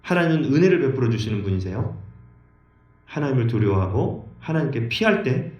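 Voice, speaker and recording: A male pastor preaching a sermon, acting out dialogue with sudden pitch jumps. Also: sing-song, a little fast, highs cut off. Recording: echoey room.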